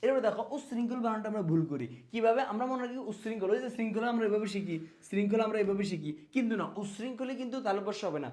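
Fast, high-voiced tutor. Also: male voice. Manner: lively, addresses students as friends, repeats words for drilling. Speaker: exam prep tutor. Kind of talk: spelling lesson for exam students.

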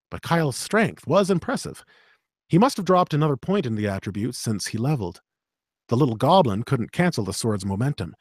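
Here a thirties-aged man with a slight Canadian accent, working as audiobook narrator and host, gives a steady dramatic reading of an action novel and then chats and laughs about narration. His voice sits at medium pitch. A studio condenser mic and headphones in a small dark-draped home studio yield a dry, studio-quality recording.

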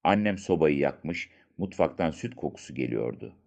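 A man reading a first-person story aloud as an audiobook narrator, in a slow, hushed storytelling manner with dramatic pauses. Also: extremely low pitch, expressive, gravelly.

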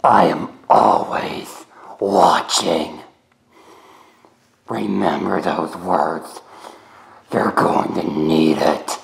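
A young man voicing his menacing alter ego in a disguised deep voice, issuing slow threatening warnings. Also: fairly even intonation, echoey room, heavily acted. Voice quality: gravelly, slow and low. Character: menacing alter ego of the vlogger, a brooding young male protector.

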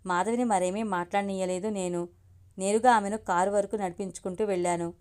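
A woman's voice: medium pitch, steady tone, a little fast, a little mellow, clear, resonant tone. A woman reading a story aloud as the channel's storyteller, narrating steadily in the first person.

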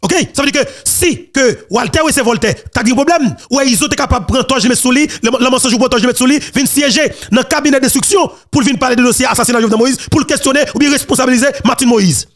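A man's voice: very high-pitched, quick pace, hardly any pauses, fairly bright tone. A Haitian man with a Haitian accent giving emphatic, repetitive political commentary as an online news host.

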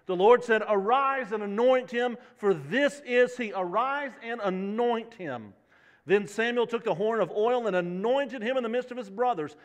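This sermon comes from a man in his thirties with an extremely high pitch and a moderate pace. He walks the stage, gestures, and asks the congregation questions. Long church-hall reverb fills the sanctuary recording.

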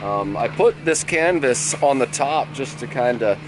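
There's background noise as this man in his thirties, a sailing vlogger, addresses a handheld camera at arm's length on his sailboat at a marina, in both cabin and deck. He speaks at medium pitch and a little slowly, easygoing and relaxed, with frequent "uh" fillers.

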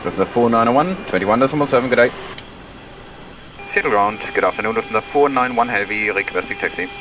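A man's voice: on the low side, fast talker. A German-accented man, an airline pilot whose first language is German, giving terse, procedural callouts over cockpit headset intercom audio. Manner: terse, procedural, matter-of-fact. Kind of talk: clipped cockpit callouts and radio calls. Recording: distant headset audio over engine noise.

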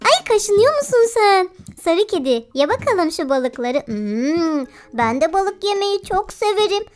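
With big pitch swings and an extremely high pitch, a woman speaks a little slowly as she hosts a kids' game video. She giggles a lot, cooing and exclaiming at the animals and her young audience over background music.

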